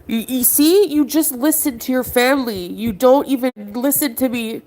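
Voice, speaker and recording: A woman's voice: high voice, normal speed, a little mellow, poor audio. A woman on a livestream ranting in an agitated way, arguing with someone offscreen and talking to her chat. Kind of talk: emotional livestream rant.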